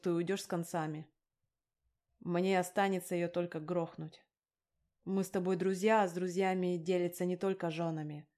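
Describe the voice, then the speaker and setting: A woman's voice: lowish voice, darkish tone, natural voice. A woman reading a sneering gangster man. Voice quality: mocking, threatening. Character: menacing male gangster lender, cold and crude. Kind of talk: audiobook character reading.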